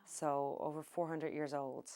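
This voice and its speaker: Brief: woman from Ireland, middle-aged, low voice, unhurried, thoughtful interview answers. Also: level tone, warm tone. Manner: unhurried, thoughtful, with many ums. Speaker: oral history interviewee. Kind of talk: reminiscing interview.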